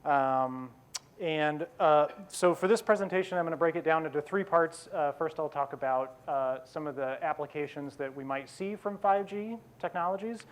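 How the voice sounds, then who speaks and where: A man in his forties giving a conference keynote, quick and self-deprecating, with many fillers and restarts. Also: fairly high pitch. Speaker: keynote speaker. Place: conference hall.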